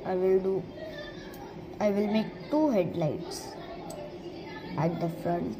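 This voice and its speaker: Speaking slowly in a mid-range voice, a woman teaches digital drawing step by step over a screen recording. She gives brief, simple, fragmented instructions while background music plays and the background is noisy.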